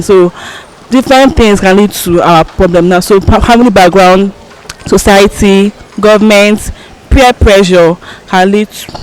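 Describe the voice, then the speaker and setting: A woman's voice: medium pitch, darkish tone, poor audio. A young woman with a Nigerian accent giving spontaneous answers in a street interview. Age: young adult.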